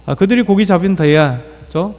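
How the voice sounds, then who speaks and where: A man's voice: sits high, normal speed, darkish tone. A male pastor preaching an early-morning sermon, talking freely with fillers and acting out quoted lines. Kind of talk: dawn prayer sermon. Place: church sanctuary. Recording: church hall reverb.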